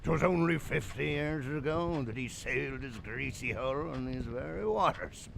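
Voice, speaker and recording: The recording is poor, with a little hiss or hum, as an actor voices an older, drunk sailor spinning dark tavern stories for a horror audio drama. He speaks at normal speed in an animated, medium-pitched voice that's gravelly and creaky, with ominous theatrics and salty old-sailor lingo.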